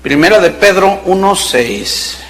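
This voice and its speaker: Emphatic male pastor, high-pitched, preaching in a reverberant hall, sudden quiet asides. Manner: emphatic, slows down to stress words, then drops to a quiet aside; acts out short quoted lines of believers. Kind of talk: sermon.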